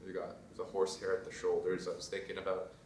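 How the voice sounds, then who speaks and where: Deep-voiced young man, relaxed rambling vlog. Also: quick pace, far from the mic, a little hiss or hum. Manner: relaxed, rambling, trailing off into quiet asides. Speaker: fashion design student vlogger. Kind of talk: casual vlog talk. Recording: roomy sound from off mic, faint ambience.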